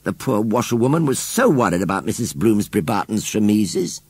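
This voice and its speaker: A man's voice: expressive, husky, no room sound. A man voicing an earnest, well-behaved young girl who pleads and scolds. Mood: pleading. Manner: pleading, high and quick.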